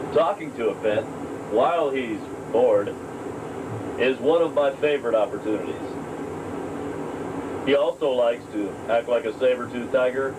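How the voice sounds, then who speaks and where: Deadpan slow man, distant camcorder. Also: medium pitch. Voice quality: deadpan, slow and mock-serious. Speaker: home video comedian. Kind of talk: deadpan mock self-help lesson. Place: motel room while out of town. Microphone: camcorder mic from across the room. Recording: distant camcorder audio, air conditioner hum.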